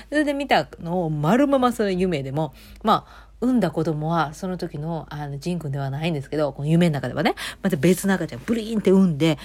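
A podcast host with a Kansai Japanese accent chats casually on her own audio show. Her voice is fairly low, darkish and slightly rough, and she rambles along with lots of fillers and asides.

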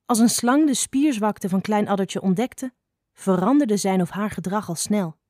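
A woman reads a children's fable aloud in a calm, steady storybook voice. The sound is close and dry, with no room around it. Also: medium pitch, normal speed, no room sound. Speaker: narrator. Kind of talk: scripted storybook narration.

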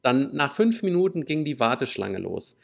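A man's voice: medium pitch, sing-song, normal speed, creaky. A man chatting casually, swearing now and then when annoyed. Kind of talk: casual chat.

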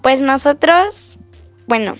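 A woman guest on a radio show, speaking. She talks very slowly in short, hesitant answers, recorded dry with faint music behind. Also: high-pitched, lively intonation, no room sound. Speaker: scout guest. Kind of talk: casual radio chat.

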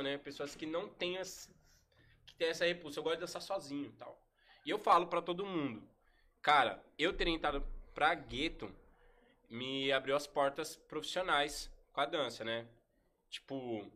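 A man tells stories at length in a relaxed, slangy podcast chat. His voice is bright and a little higher than most men's. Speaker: podcast guest, breakdancer. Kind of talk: casual storytelling.

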